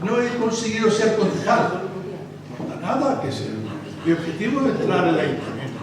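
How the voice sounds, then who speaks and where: Hombre palestino dando un discurso en una sala con eco. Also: male voice, high voice, big pitch swings. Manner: halting, searching for words. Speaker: local election candidate. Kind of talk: after-dinner speech. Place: restaurant dining hall. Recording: echoey room from far off, noisy.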